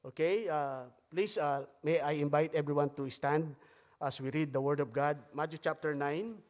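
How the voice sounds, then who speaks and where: A visiting missionary pastor from the Philippines, with a Filipino accent and Tagalog as his first language, preaches at a pulpit microphone, reading the Bible and praying with frequent hesitations. His voice is on the high side and steady, softening to a hushed tone in prayer, and the church sanctuary gives a long hall reverb.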